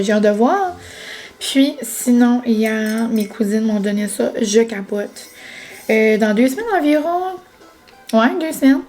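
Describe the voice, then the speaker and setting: Chatty young Québécoise vlogger, mellow voice. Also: female voice, fairly high pitch. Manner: chatty, lots of fillers and English words. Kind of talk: casual vlog chat to camera.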